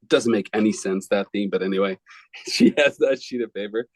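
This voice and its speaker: A man in his forties from Belgium, a film composer answering interview questions in a relaxed, rambling way with frequent restarts. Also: lowish voice, fairly quick, dry recording, poor audio.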